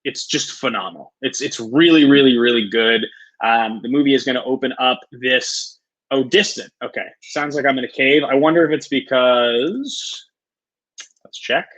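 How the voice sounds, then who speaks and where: A man's voice: medium pitch, normal speed, a bit bright. A man hosting a casual live stream, rambling and upbeat, picked up by the wrong microphone so he sounds distant, like he is in a cave. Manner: rambling, upbeat, full of restarts. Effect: distant, cave-like echo from the wrong mic. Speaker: livestream host. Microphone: wrong room mic instead of the main mic.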